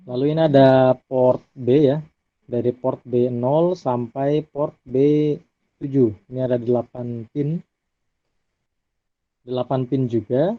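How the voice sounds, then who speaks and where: A man giving a relaxed recorded lecture over slides, often tagging his sentences with a questioning "ya". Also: mid-range voice, slow pace, pauses often, no echo. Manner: relaxed, adds tag "ya" often. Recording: dry, phone-like audio.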